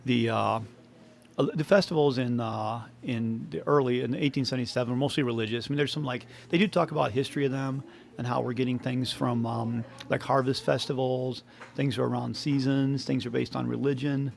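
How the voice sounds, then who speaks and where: A man's voice: mid-range voice, fairly even intonation, brisk, gravelly, slight background noise. A man co-hosting a podcast in casual chat, rambling, laughing often and trailing off mid-sentence. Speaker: podcast co-host.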